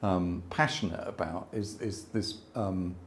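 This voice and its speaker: A man's voice: deep voice, fairly even intonation, a little slow, a little hiss or hum. A man in his sixties, a landscape photographer, talking thoughtfully at an exhibition, with frequent restarts and asides. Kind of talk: conversational exhibition talk. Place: exhibition space before an audience.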